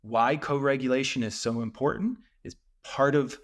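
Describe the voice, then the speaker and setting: A man hosting a solo talk show, calmly explaining ideas and slowing down to stress key points. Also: mid-range voice. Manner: calm and explanatory, with slow emphatic stretches. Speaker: podcast host and men's coach.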